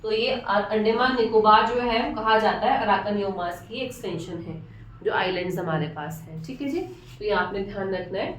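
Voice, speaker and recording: A woman's voice: medium pitch, moderate pace, slight background noise. A woman teacher lecturing at a board, repeating key terms and asking and answering her own questions. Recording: echoey room from far off.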